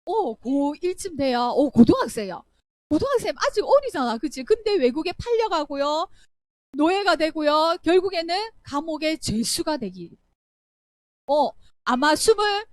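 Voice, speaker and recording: Brief: young woman, animated children's Bible storyteller, high pitched and very lively. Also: moderate pace. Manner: animated, acts out voices, asks children questions. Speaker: Sunday school teacher.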